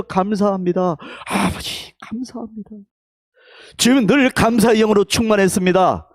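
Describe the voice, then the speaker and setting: High, animated Gyeongsang pastor preaching. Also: male voice, no echo, studio quality. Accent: Gyeongsang Korean. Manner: emphatic preaching that swings between loud calls and hushed whispers; leads the congregation in call-and-response. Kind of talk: Sunday sermon. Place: church sanctuary.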